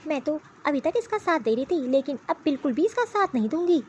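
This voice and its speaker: A woman voicing a middle-aged mother-in-law in an animated cartoon, scolding her son in an exasperated way. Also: sits high, brisk, slight background noise. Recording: slightly muffled lo-fi recording.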